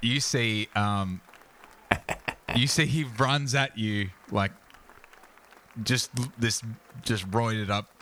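A man narrating a tabletop game as game master, animated and full of fillers. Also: medium pitch, slight background noise.

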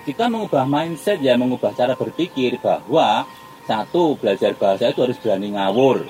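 A middle-aged man from Java with a Javanese accent, a guest interpreter speaking in an emphatic, animated casual interview. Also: medium pitch, brisk, soft background music, low-quality recording. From Java, Indonesia.

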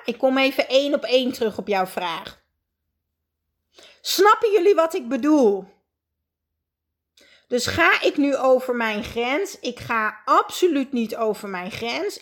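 Woman coach talking thru a live session, kinda high voice, earnest, lots of ehms. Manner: reflective, earnest, with many hesitations. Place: indoors at home.

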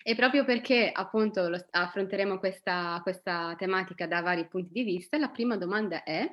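A woman's voice: medium pitch, a little fast. A woman co-hosting a podcast in casual conversation. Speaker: podcast co-host. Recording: dull lo-fi call audio.

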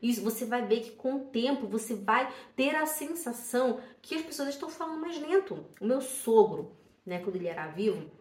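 A Brazilian woman teaching German, talking casually and telling stories with lively quoted asides and frequent "né?" tags. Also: on the high side, fairly quick. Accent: Brazilian Portuguese. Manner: lively storytelling, quotes herself and others, many "né?" tags. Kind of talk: casual spoken lesson to camera. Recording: echoey room.

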